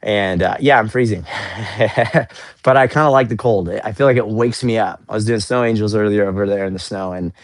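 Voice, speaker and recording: Earnest low-voiced man livestreaming outdoors. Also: brisk, dry recording. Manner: earnest, upbeat, repeats words often. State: cooling off after a workout. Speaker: livestream host. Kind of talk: casual faith-based motivational livestream. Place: outdoors in the snow.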